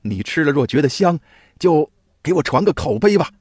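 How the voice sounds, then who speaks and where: A man's voice: fairly high pitch, very animated, normal speed, a little mellow, breathy edge, dry recording, studio quality. A man voicing a discouraged, exasperated street food seller in a told folk tale. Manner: weary, exasperated. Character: discouraged struggling roast-goose seller man.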